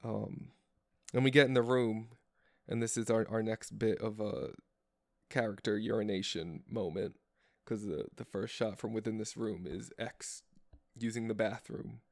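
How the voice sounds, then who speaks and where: A podcast co-host with a fairly low, gravelly voice talks casually through a film's scenes with his partner, describing shots and framing in detail. He keeps a steady tone and measured pace, and the studio-quality recording has no room sound.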